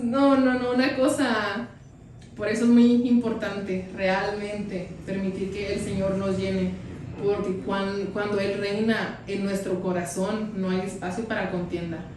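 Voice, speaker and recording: A woman's voice: medium pitch, distant mic, a little hiss or hum. Woman pastor preaching in an echoey hall. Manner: testimony told with acted quotes. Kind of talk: sermon.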